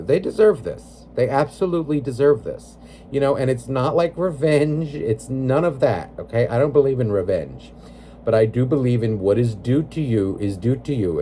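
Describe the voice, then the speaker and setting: A man's voice: medium pitch, warm tone, slight background noise. A man giving a casual tarot reading, rambling with many "like"s and "you know"s, blunt and emotionally invested. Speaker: tarot reader.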